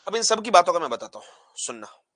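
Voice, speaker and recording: Bright, lively man teaching physics. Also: high voice, a little fast, no room sound, clean studio sound. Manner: call-and-response questions, repeats key terms; animated, acts out particles pushing apart. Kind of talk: classroom lesson at a board.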